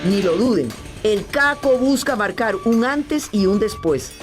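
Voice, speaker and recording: Lively woman narrator over music. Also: mid-range voice, unhurried. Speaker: news report narrator. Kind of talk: scripted promotional news narration.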